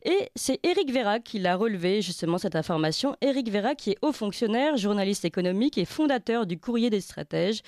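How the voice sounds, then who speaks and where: A woman hosting a radio talk show, leaning hard on key words as she sets things up. Her voice sits in a dry, close studio sound with no room echo. Her pitch is middling for a woman. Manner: emphatic, lively stresses on key words. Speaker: radio host.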